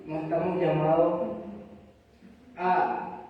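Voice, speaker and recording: A man's voice: fairly high pitch, flat delivery, takes it slowly. Venezuelan man preaching in an echoey hall. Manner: earnest preaching, frequent amens, acts out dialogue. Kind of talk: sermon. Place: church hall. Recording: distant, dull, echoey church hall sound.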